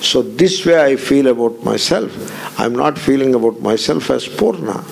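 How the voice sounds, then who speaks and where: A man's voice: medium pitch, lively intonation, normal speed, vocal fry, breathy edge. A man giving a spiritual discourse, emphatic, repeating phrases and putting pointed questions to his listeners. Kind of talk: Vedanta discourse.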